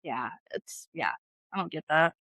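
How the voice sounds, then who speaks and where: A woman in her thirties co-hosting a podcast, chatting casually about being a mom, blunt and quick to swear. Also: low-pitched, no room sound. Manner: blunt, swears freely, animated storytelling. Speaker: podcast co-host. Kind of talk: casual chat.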